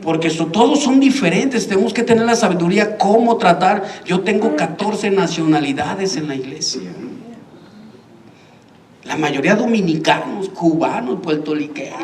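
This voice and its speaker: A man's voice: high-pitched, expressive, normal speed, darkish tone. A man preaching a sermon as pastor, telling stories with humor and acting out the voices of the people in them. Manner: storytelling, humorous, acts out quoted voices. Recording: echoey hall from far off, congregation heard.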